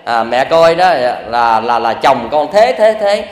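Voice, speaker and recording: A man's voice: a little slow, close to an everyday voice. A man with a Southern Vietnamese accent voicing a jealous country wife who wails and accuses. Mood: jealous, wailing. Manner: shrill, accusing, complaining. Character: jealous wailing country wife, middle-aged. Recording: echoey hall reverb.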